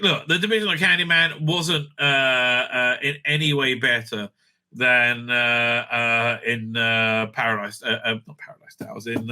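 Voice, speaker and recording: A male YouTube host and reviewer with a bright, forceful, mid-range voice rambles through opinionated commentary. His manner is blunt and dismissive, with frequent repetition and swearing.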